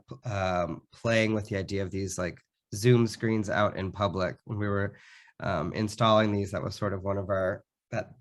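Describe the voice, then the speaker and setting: Lower-voiced man presenting slides with a sick voice. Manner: halting, frequent ums and restarts. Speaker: presenter from a public art program.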